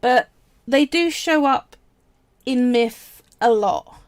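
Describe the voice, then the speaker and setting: In a clean studio sound without echo, a woman with a slightly high voice talks live-stream viewers through a polymer clay sculpture. She's casual, chatty and explanatory, with frequent pauses on words like "right" and "so."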